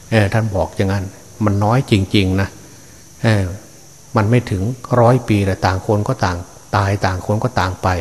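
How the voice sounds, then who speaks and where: An older man, a Buddhist monk, delivers a Dharma sermon in a fairly low voice. He talks unhurriedly and in a fatherly way, often pausing on hesitant fillers. He speaks to his listeners as his children and grandchildren. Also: a little mellow, a little hiss or hum.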